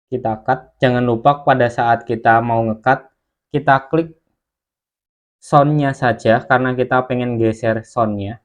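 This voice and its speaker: A man at an ordinary middle pitch narrates a video editing lesson from his screen. He explains at an unhurried pace, one step at a time, while he works. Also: fairly even intonation. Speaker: online course instructor.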